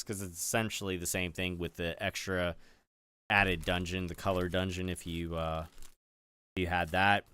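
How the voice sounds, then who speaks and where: A man's voice: low-pitched, a bit bright, clean tone. A man streaming, chatting casually with viewers while he builds. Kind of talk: casual live-stream chat.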